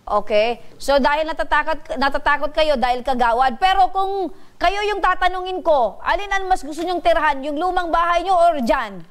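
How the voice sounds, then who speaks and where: A woman's voice: high voice, moderate pace. A woman hosting a public-service show, questioning a caller and restating his answers to clarify them. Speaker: radio public-service host. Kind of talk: interviewing a caller.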